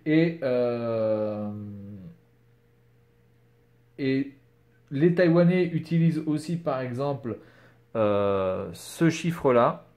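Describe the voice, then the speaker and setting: A man's voice: medium pitch, a little mellow, dull audio. A man casually explaining things on camera, hesitant and full of fillers, writing as he talks. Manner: hesitant, many fillers and "voilà". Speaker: vlogger.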